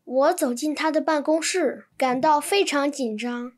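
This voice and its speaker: A woman reading translated textbook sentences in an even, clear manner. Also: high voice, a little slow. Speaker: Chinese translation reader.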